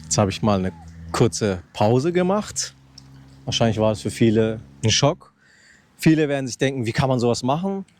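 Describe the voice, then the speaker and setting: A motorcycle vlogger in his thirties chats casually outdoors beside a loud motorcycle, holding a handheld mic close to his mouth in an unscripted vlog. He rambles and restarts sentences in an expressive, mid-range voice at a moderate pace, with a little hiss or hum.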